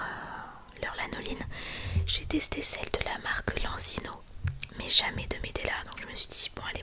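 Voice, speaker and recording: A young adult woman speaking in a hushed, library-quiet whisper, presenting items in a soft ASMR style. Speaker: ASMR video creator.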